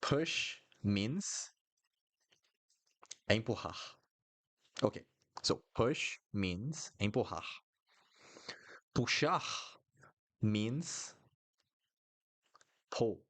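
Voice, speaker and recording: In Brasilia, a Brazilian man with a Brazilian Portuguese accent gives a live online Portuguese lesson, chatting, apologizing, and repeating words for learners. His voice is lowish and a bit bright, with lively intonation, and he speaks very slowly with frequent pauses.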